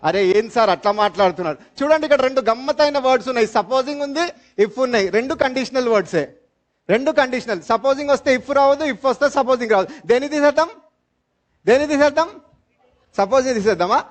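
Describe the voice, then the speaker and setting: A man with a Telugu accent teaching an English grammar class, explaining slowly, repeating terms and quizzing his students. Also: extremely high pitch, expressive. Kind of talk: live class lecture. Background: fans running in classroom.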